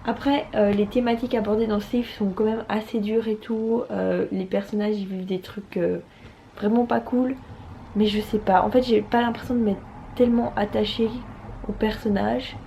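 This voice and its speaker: A woman's voice: mid-range voice, fairly even intonation, normal speed, gravelly, mellow, a little hiss or hum. A young woman and student chatting casually about books for her vlog, with many fillers and restarts. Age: young adult. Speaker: book vlogger. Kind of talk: casual chat.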